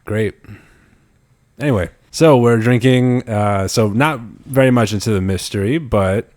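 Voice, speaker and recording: A man's voice: medium pitch, a little slow, a little mellow. A young man hosting a casual podcast chat, teasing his guest and laughing often. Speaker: podcast host.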